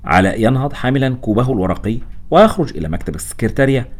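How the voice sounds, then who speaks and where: A man reading the stage directions of a play aloud in a brisk, animated way. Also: mid-range voice. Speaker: narrator.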